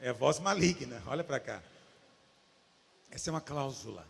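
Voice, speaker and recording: Brazilian guy preaching, high voice that jumps all over, echoey church hall. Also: normal speed, vocal fry, slight background noise. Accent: Brazilian Portuguese. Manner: animated preaching, swinging from hushed asides to shouts. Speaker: pastor. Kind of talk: sermon.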